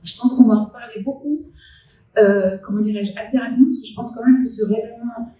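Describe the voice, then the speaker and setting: Panelist, female, higher voice, dark tone, halting and emphatic delivery, distant mic in a very echoey conference hall. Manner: hesitant, many restarts and fillers, emphatic. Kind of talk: conference round-table discussion. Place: conference hall at a live event. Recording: very echoey hall, recorded from afar.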